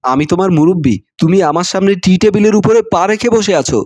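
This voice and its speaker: A proud older mother-in-law who scolds with indignation, as a male narrator reads her. The voice is fairly high for a man, and the sound is dry and close. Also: expressive, brisk, a little mellow, no room sound. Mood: indignant.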